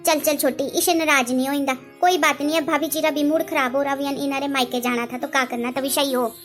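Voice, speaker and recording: A woman plays a gentle elder sister in a homemade family drama, high-voiced, speaking. She placates and calms the others, and faint music plays underneath. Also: fairly quick. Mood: soothing. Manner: calming, placating. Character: patient elder sister who soothes everyone.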